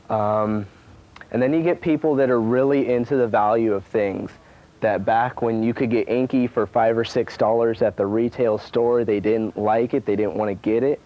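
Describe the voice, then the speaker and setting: A man's voice: lowish voice, dull audio. A man explaining collectible prices to camera in an easygoing way with frequent ums, heard through a worn VHS tape copy. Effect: worn VHS tape sound. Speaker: collectibles dealer.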